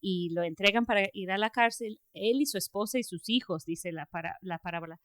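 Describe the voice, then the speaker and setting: A woman hosting a faith podcast, telling a story in a lively way with frequent fillers and laughs. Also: medium pitch, brisk. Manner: animated storytelling, laughs often, many fillers. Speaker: podcast host. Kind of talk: casual faith conversation.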